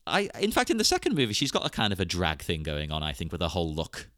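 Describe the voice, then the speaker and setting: An animated man talks in a casual podcast chat, laughing often. His voice sits low but swings widely, with a bright edge. The recording is close and dry. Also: fast, dry recording. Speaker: podcast panelist.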